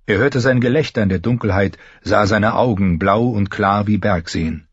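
A man reading a fantasy novel aloud as an audiobook narrator, measured and somber, on a close mic. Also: on the low side, slightly rough, no echo, dull audio.

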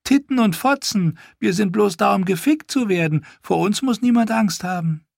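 A man's voice: sits high, expressive, normal speed, creaky, no room sound, studio quality, voice pushed up, full character voice. A man doing a jeering cruel washerwoman. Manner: jeering, crude. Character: mocking cruel washerwoman, sneering.

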